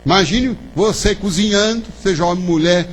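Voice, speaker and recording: A high-pitched man speaks at normal speed, lecturing an audience on spiritism in a spiritist center's lecture hall. His delivery is conversational, packed with questions to the listeners and "né?". The audio is poor, carrying a faint hum.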